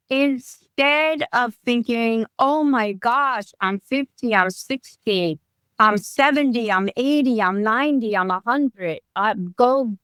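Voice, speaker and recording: A woman in her fifties, a wellness coach, appears as a guest on a podcast interview over a remote call. Her voice is fairly high, a bit bright, and smooth in a dry recording, and she's chatty, frequently restarting her sentences.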